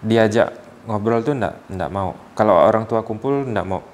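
A man working as a ruqyah healer, calmly explaining to a patient and acting out short quotes as examples. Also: on the low side, normal speed, slight background noise.

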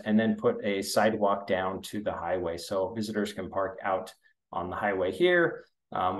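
A middle-aged man, a school superintendent, walking through a board meeting agenda over a screen share in an informal, explanatory way, with frequent ums and restarts. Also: lowish voice. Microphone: computer webcam mic.

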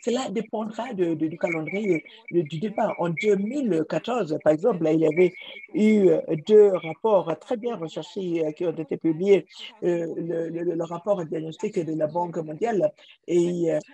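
A man giving simultaneous interpretation of a panel discussion, halting, with frequent restarts and repeated words. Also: fairly high pitch, mellow, poor audio. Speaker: conference interpreter.

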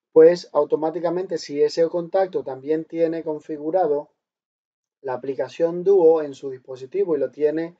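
A slightly high male voice with a dark tone provides the voice-over for a screen-recorded smartphone tutorial. Demonstrating each step, the instructor explains things and regularly answers his own questions, and the sound is dull and lo-fi.

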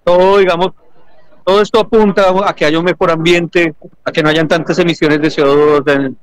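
A high-voiced man with a Colombian accent, a lecturer walking visitors through his display. He speaks patiently and keeps checking that they follow. The sound is dry and close, with little room echo. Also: steady tone, brisk, smooth. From Argentina and Colombia. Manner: explanatory, checks understanding with frequent "¿sí?". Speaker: electrical engineering lecturer and researcher. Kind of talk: explaining at an education fair stand. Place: large indoor exhibition hall.

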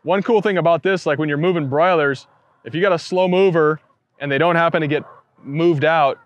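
A man in his thirties, a poultry farmer, explaining his operation in a relaxed, matter-of-fact way during an outdoor farm tour. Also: a little high, a little fast, dry recording, lo-fi sound. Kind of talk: casual farm tour talk. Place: outdoors on a farm pasture beside a coop.

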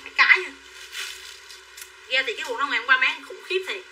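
A woman's voice: high voice, quick pace, bright, forceful tone. A woman running a live sales stream, chattily calling out prices and buyer names and coaxing viewers to buy. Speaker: livestream clothing seller. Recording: distant mic with faint background noise.

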